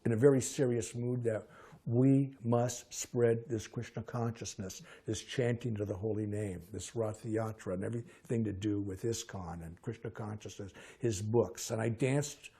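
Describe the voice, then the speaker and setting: An older man recalling personal memories as a lively storyteller, often halting and restarting his sentences. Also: fairly low pitch, husky. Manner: halting, frequent restarts and fillers.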